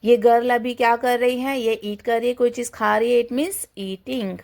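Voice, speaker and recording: A woman teacher with a fairly high voice, slowly and patiently teaching small children English. She asks a question and answers it herself, and sometimes imitates animal sounds. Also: fairly even intonation, vocal fry, a little mellow. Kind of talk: kindergarten English lesson in Hindi and English.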